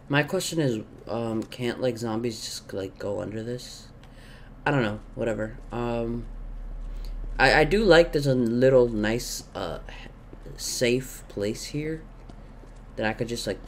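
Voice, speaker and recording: Speaking slowly in a mid-range voice, this young man narrates his gameplay through a gaming headset as a YouTuber doing a relaxed let's-play, filling the talk with ums and wandering thoughts. He sounds congested and hoarse from a sore throat, and a slight hiss runs under the audio.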